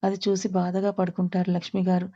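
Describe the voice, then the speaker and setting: A woman storyteller narrating a family drama in a plain, steady manner. Her voice is mellow with little pitch movement. The recording is slightly dull and lo-fi. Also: fast talker.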